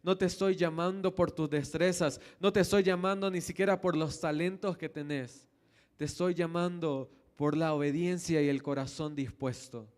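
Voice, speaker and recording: A man with a Salvadoran accent voicing God, who speaks low, quiet and solemn. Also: fairly even intonation, normal speed, lightly acted. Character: God speaking calmly to a reluctant believer.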